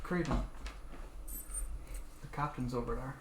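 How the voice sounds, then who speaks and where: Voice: medium pitch, unhurried. A player in a tabletop game, asking direct, practical questions. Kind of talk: casual tabletop play. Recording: echoey room, faint background noise.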